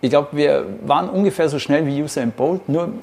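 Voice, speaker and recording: A man's voice: fairly high pitch, a little fast, creaky, darkish tone. A man, a podcast co-host and former reporter, telling a story with animation in casual chat.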